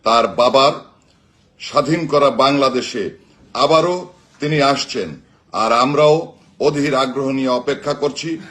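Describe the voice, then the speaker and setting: A man with a Bangladeshi accent delivers a rousing political address to supporters, emphatic and declamatory, in short measured phrases. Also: medium pitch, a bit bright. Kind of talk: rousing political speech, live broadcast address.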